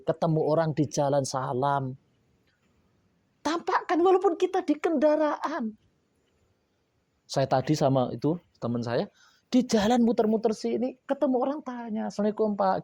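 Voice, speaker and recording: A man preaching a sermon to boarding school students, coaxing and playful, with lively asides. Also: high-pitched, dry recording.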